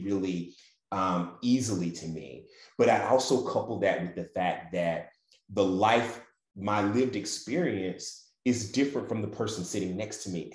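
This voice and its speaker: A man with a Mississippi Southern accent speaks in a low register. He talks conversationally, like a panelist, punctuating his points with a questioning "right?". The sound is noticeably roomy and echoey. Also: darkish tone. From Mississippi, USA. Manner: often tags points with "right?". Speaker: panel guest.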